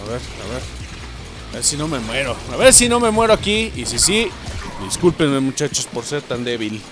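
A young adult man with a Mexican accent giving crude, excitable let's play commentary, yelling and swearing at enemies. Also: medium pitch, normal speed. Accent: Mexican Spanish. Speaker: gaming channel host. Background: game music.

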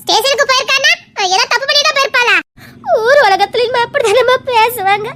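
A woman's voice: very high-pitched, brisk, very noisy. A woman voicing a fretful, outspoken village mother-in-law, in a family drama.

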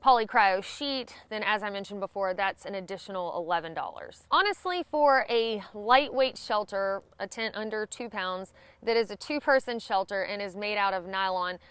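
A woman's voice: mid-range voice, normal speed, few pauses, no echo. A young woman with a Southern US accent, giving a scripted gear review to camera outdoors on a grassy lawn. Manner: clear, even, informative delivery.

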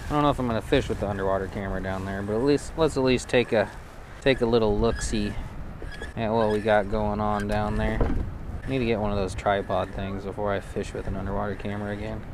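A man's voice: lowish voice, steady tone, fast talker, noisy background. A man hosting a fishing vlog outdoors on a frozen lake, talking in a laid-back, chatty, jokey way into a body-mounted camera. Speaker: fishing channel host. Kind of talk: casual outdoor vlog narration. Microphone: body-mounted action camera.

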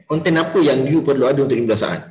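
A man's voice: medium pitch, animated, rapid-fire, a little mellow, echoey room, low-quality recording. A Malaysian man running an interactive business coaching class, mixing English into Malay and quizzing his students by name.

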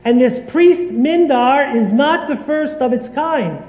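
With an extremely high, slightly mellow voice and a slow pace, a rabbi from Northeast Philadelphia gives a sermon, bantering and joking with his congregation. The synagogue sanctuary lends the recording an echoey hall reverb.

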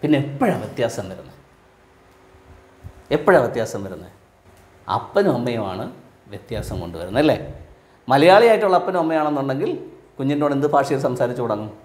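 A man from Kerala teaching like a preacher, firing quick rhetorical questions at his listeners and dropping low and quiet at the ends of his points. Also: sing-song. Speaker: spiritual teacher. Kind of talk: sermon-style teaching to a live audience. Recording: roomy echo from a hall.

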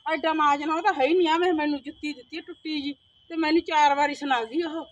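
A woman's voice: high-pitched, steady tone, fast talker, no echo, muffled recording. A woman acting a poor village woman who pleads and complains in a family drama. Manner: pleading, plaintive.

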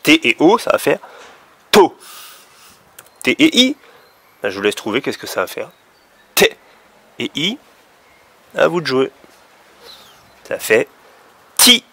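A man's voice: medium pitch, sing-song, slow, pauses often, pushed and bright, slightly rough. A man teaching young children letter sounds, patiently drawing out each sound. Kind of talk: phonics lesson for young children.

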